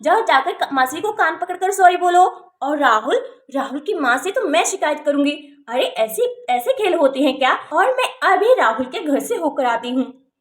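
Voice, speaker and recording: A woman's voice: high voice, big pitch swings, moderate pace. Woman doing a strict scolding mother. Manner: scolding, stern.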